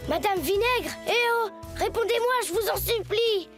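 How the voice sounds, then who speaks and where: Very high, plaintive little boy. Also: moderate pace. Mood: panicked. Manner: plaintive, worried, expressive. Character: gentle, anxious young boy turned into a monster. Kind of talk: French children's cartoon dubbing. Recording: music behind the voice.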